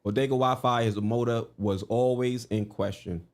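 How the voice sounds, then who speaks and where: A man co-hosting a live sports stream, chatting casually and reading out viewer comments in a relaxed, conversational way. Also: mid-range voice, moderate pace. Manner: laid-back, conversational, lots of fillers. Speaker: co-host of a live sports show.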